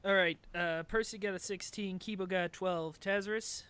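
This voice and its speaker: A man acting as game master, explaining the scene and rules in a quick, questioning way. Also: high-pitched, steady tone, sharp tone, smooth. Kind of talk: narrating a tabletop game.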